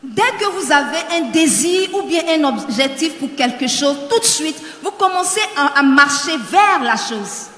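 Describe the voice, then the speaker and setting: A man's voice: very high-pitched, lively intonation. A man giving live interpretation of a sermon in a large church hall, repeating each line after the preacher. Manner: quick, bright, repeats the preacher's lines. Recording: roomy echo with long reverb.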